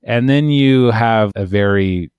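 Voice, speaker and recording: Guy with a lowish voice rambling thru a wry story on a podcast, dry close mic. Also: slow, smooth, no room sound, muffled recording. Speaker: immigration lawyer. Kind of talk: casual podcast chat.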